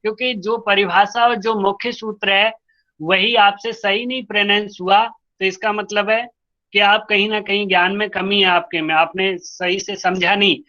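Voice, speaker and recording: A man's voice: high-pitched, steady tone, sharp tone, muffled recording. A male yoga teacher leading an online class, chanting Sanskrit verses word by word and strictly correcting pronunciation. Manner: chants sutras slowly word by word, then explains quickly. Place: online class over video call.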